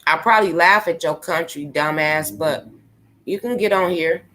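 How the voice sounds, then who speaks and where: A woman's voice: low-pitched, moderate pace, a bit bright, a little hiss or hum. A woman talking casually on her live stream, swearing freely, laughing often and speaking straight to her viewers.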